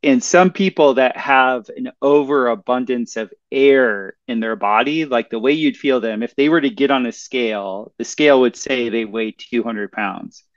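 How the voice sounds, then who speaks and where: A man explaining things in casual conversation, in an earnest and somewhat halting way. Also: mid-range voice, no echo, highs cut off. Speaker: bodywork practitioner.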